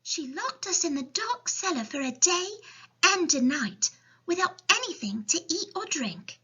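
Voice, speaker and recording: A woman's voice: very high-pitched, sing-song, a little slow, bright, forceful tone, dull audio, voice pushed up, full character voice. A woman voicing a plain-spoken, stoical little orphan girl in a children's storybook. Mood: unhappy, recounting.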